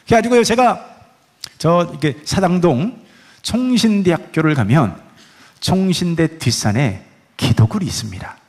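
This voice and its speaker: High, gravelly-voiced preaching man. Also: lively intonation, moderate pace. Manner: emphatic, rhetorical questions to the congregation. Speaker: pastor. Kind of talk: sermon.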